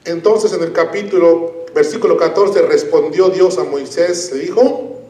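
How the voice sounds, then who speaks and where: High-voiced man preaching slowly in an echoey church. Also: dark tone. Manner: slow, deliberate Bible teaching with emphatic stresses. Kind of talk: sermon. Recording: echoey room, mic at a distance.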